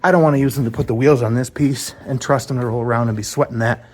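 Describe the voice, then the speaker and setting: A man's voice: medium pitch, fairly even intonation, fast, darkish tone. Chatty man explaining a stage build. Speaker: set builder. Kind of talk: casual build vlog narration. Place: theater stage and workshop.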